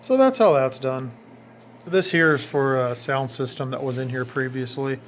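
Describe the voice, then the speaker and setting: Walking through his own do-it-yourself installation, a man speaks plainly and casually at normal speed in a medium-pitched voice, informally noting details along the way. Ambient background noise is noticeable.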